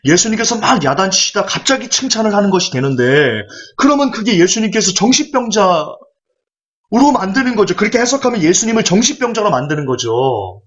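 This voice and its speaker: A man delivers a sermon with an animated, rhetorical delivery, slipping into quoted voices. His fairly high voice swings widely in pitch. The recording sounds dull and lo-fi. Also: a little fast. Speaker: pastor.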